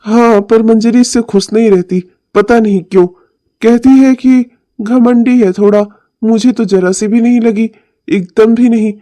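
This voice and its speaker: A man's voice: very high-pitched, fairly even intonation, measured pace, mellow, no echo. A man voicing a demanding, long-winded middle-aged uncle in a cartoon.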